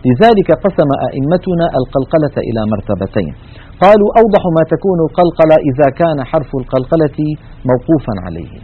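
Male tajweed teacher, quick and methodical, slightly high voice, lo-fi sound. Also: big pitch swings, breathy edge. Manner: methodical, explains with spoken examples. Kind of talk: recorded lecture with slides.

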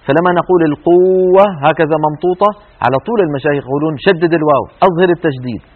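A man teaching Quran recitation rules in a televised lesson, explaining step by step and demonstrating with drawn-out recited words. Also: on the high side, narrow, tinny audio.

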